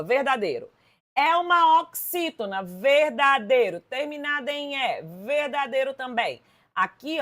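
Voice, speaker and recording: Lively and emphatic, this Brazilian Portuguese-accented woman addresses her students directly during an exam-prep grammar lesson. Her voice is a little high.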